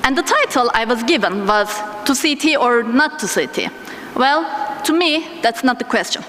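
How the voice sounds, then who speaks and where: A woman giving a conference lecture as a physician, her voice thick and strained from a sore throat, speaking hesitantly with deliberate pauses. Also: a little high, expressive, fairly bright tone. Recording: echoey hall with noticeable background noise.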